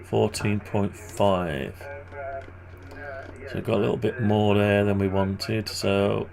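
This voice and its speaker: A man with a groggy, gravelly morning voice and vocal fry endings, giving casual, hesitant think-aloud commentary on his screen work. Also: lowish voice, flat delivery, takes it slowly, crowd noise. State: groggy morning voice, clearing throat. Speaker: maker narrating a design tutorial.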